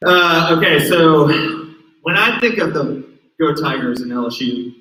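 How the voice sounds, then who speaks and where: A man's voice: on the high side, animated, unhurried, sharp tone. A man hosting a youth group livestream, easygoing and encouraging, with frequent ums. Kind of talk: casual livestream chat. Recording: roomy room, mic at a distance.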